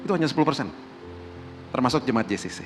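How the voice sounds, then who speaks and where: A man's voice: mid-range voice, expressive, rapid-fire, soft background music. A middle-aged male pastor preaching a sermon in a casual, conversational way, acting out the voices of the people he quotes. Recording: long hall reverb, faint background noise.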